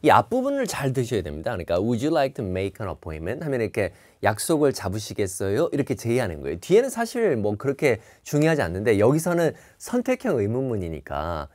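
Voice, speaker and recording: Lively man teaching a test-prep lecture. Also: medium pitch. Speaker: TOEIC listening instructor. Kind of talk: online lecture.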